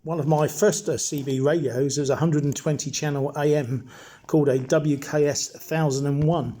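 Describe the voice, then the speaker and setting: A middle-aged or older hobbyist presenter narrates a nostalgic retrospective, explaining things in an informal, measured way. His voice is a little high, with a steady, warm tone.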